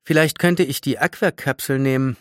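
A man voicing a condescending young female tree nymph in a storybook reading, raised high above his own voice. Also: fairly even intonation, moderate pace, no echo, studio quality, lightly acted. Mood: haughty. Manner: condescending, know-it-all.

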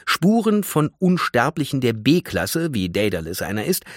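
A man voicing a condescending young female tree nymph in a storybook reading, raised high above his own voice. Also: huge pitch swings, measured pace, no room sound, clean studio sound. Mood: haughty. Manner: condescending, know-it-all.

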